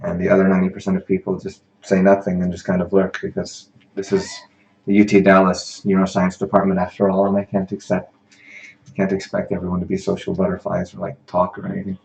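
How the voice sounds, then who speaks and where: A man's voice: sits low, completely flat delivery, brisk, creaky, a little mellow, muffled recording. A young man running a live-streamed neuroanatomy tutoring session, talking casually with a dry, self-deprecating manner. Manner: casual, self-deprecating, livens up when addressing viewers. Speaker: neuroanatomy teaching assistant.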